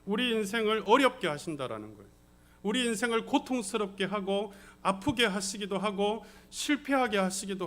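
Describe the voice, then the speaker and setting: A man's voice: high-pitched, fairly bright tone. A male senior pastor delivering a sermon, repeating phrases for emphasis and putting rhetorical questions to the congregation. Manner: often addresses the congregation directly.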